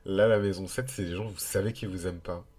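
French guy w a low stuffed-up nasal voice, french accent, rambly casual podcast monologue, thinks out loud. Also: fairly even intonation, fast talker, husky. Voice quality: nasal, congested voice. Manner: informal, hesitant, thinking aloud. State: blocked nose. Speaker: astrology podcast host. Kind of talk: casual explanatory monologue with digressions.

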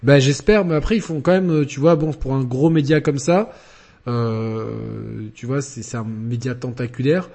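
Husky, mellow-voiced male podcast host. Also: medium pitch. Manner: animated, joking, quick asides. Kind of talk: casual gaming chat.

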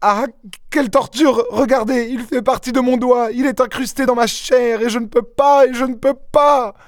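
A man's voice: high voice, big pitch swings, slow, a little mellow, no echo, clean studio sound, pitched above the performer's own voice, heavily acted. A man voicing a desperate young noblewoman who pleads frantically and sobs in an audiobook. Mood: frantic. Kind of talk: audiobook character reading.

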